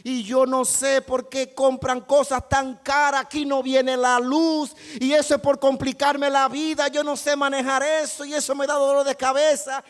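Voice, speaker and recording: A man voicing a grumpy pessimistic boy who complains loudly in a whiny, grumbling tone. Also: very high voice, little pitch movement, normal speed, hardly any pauses, long reverb tail, pitched above the performer's own voice.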